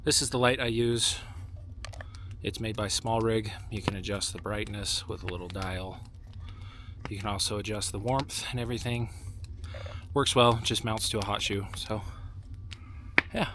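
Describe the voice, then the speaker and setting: A man talking casually to camera as a solo camping vlogger, in a relaxed, understated way. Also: on the low side, moderate pace, long pauses. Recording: clear background noise, small clicks.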